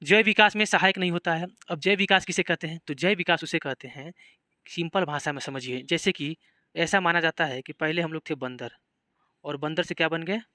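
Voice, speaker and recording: Bright-voiced Hindi biology teacher. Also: male voice, on the high side, moderate pace, no room sound, studio quality. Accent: Bihari Hindi. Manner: explains in simple terms with repeated questions to students. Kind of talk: classroom lecture.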